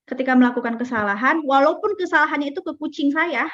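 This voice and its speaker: A woman's voice: high-pitched, fast, a bit bright. Chatty woman, lo-fi. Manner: chatty, uses fillers and acts out child and parent voices. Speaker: parenting speaker. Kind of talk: casual talk. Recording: dull lo-fi recording.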